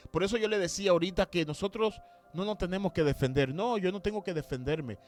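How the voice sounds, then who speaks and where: A man from Cuba, preaching an impassioned sermon that swings from loud to hushed, with slow, drawn-out dramatic quotes. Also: high voice. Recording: faint music behind.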